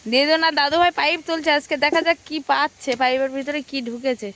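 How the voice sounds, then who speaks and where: A hoarse woman vlogging her village life outdoors, chatting and asking her family questions as she goes. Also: high-pitched, fast, a bit bright. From Bengal. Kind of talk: casual narration of daily life.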